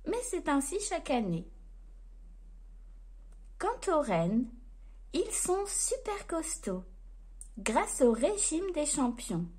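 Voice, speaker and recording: A woman storyteller reading a children's bedtime story aloud in a gentle, expressive way. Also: high voice.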